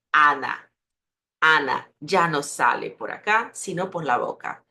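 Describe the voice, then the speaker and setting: Woman, Spanish teacher; unhurried, lower voice, patient word-by-word drilling. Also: a bit bright. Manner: slow, repeats each example word; contrasts Spanish with Portuguese sounds. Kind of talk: pronunciation lesson.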